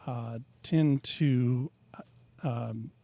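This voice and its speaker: A man's voice: medium pitch, drawn-out words, warm tone, no echo. A middle-aged man, a painter and professor, explaining his work thoughtfully in a casual interview, with frequent fillers.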